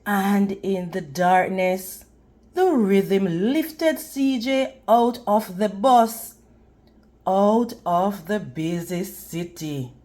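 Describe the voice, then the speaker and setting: A woman with a mid-range, darkish voice reads a picture book aloud to children in a deliberate, teacherly way. She pauses the storybook narration to quiz her young listeners and praise them.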